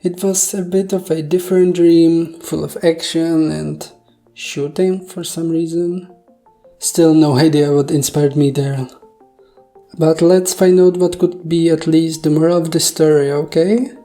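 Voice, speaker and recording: A woman's voice: low voice, fairly even intonation, a little slow. A woman, a native Czech speaker, casually recounting a dream in a puzzled, self-deprecating, jokey way with rhetorical asides. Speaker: video storyteller. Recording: faint background music. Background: soft music.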